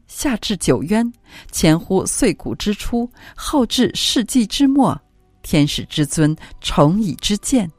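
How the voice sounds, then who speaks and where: A low-voiced woman reads devotional prose with solemn, expressive phrasing. Her intonation swings widely from line to line. The recording is dry and close, with faint music playing softly behind her. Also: no room sound. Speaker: audiobook reader. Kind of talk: reading a religious classic aloud.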